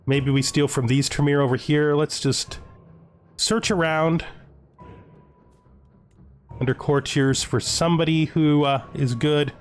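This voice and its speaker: Over background music, a man with a slightly high, steady voice provides laid-back let's play commentary on a strategy game as a gaming video host. He speaks a little slowly, pausing often while he thinks aloud and reads game text.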